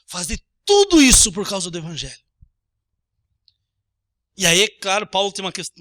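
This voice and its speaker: A Brazilian man preaching a sermon as pastor, animated, acting out little everyday scenes with changing voices. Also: sits high, no echo, studio quality. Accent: Brazilian Portuguese.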